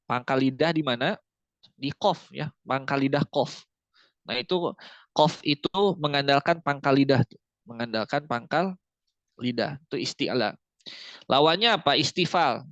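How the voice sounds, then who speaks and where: A man's voice: fairly high pitch, fairly bright tone, no echo. A man teaching Quran recitation in an online tajwid lesson, who explains patiently, repeats key points and models letter sounds. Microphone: video call. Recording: dry, muffled video-call audio.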